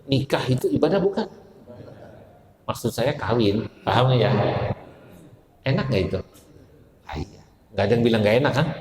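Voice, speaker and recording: A man gives a sermon at a medium pitch, quipping and quizzing his listeners. His voice carries around an echoey mosque hall. The tone stays lively and conversational. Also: moderate pace, long pauses. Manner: lively, joking, asks the audience questions. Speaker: preacher.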